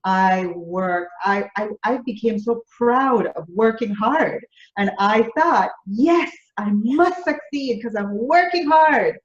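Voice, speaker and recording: Speaking slowly in a slightly high voice with lively intonation, a Jamaican-accented woman answers interview questions as a guest; she is a business coach. She is earnest, building her points by stacking repeated phrases. The sound is a bit dull and lo-fi, with the echo of a roomy space.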